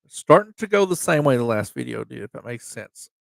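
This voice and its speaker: A man hosting a casual livestream, reading memorial entries in a halting way with slightly slurred speech, often restarting words and reading dates slowly. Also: medium pitch, sing-song, vocal fry, no room sound. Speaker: livestream host.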